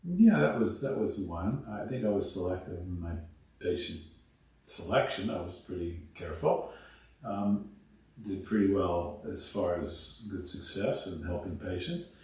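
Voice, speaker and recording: A man, an oral surgeon talking shop in an interview, pausing and restarting his sentences often. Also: deep voice, expressive, a little mellow. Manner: halting, many restarts and self-corrections. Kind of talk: conversational interview. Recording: roomy, distant mic.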